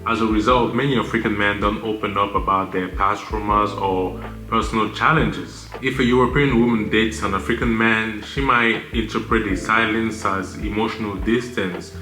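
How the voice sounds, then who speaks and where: Host, male, 30s, from Cameroon, bright lowish voice, echoey room with soft music underneath. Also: steady tone. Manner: measured, list-style advice with occasional fillers. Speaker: channel host. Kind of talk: scripted commentary to camera. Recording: roomy echo with music bed.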